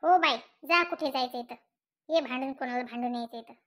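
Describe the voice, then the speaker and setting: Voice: sits high, brisk, fairly bright tone. A performer voicing a grumbling, exasperated middle-aged village husband in a cartoon comedy.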